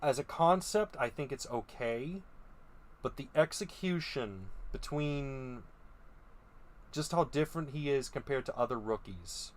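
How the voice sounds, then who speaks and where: A young man hosts a video reviewing creature designs, offering casual opinion commentary. His medium-pitched voice is a little slow, and he muses hesitantly with frequent ums and restarts.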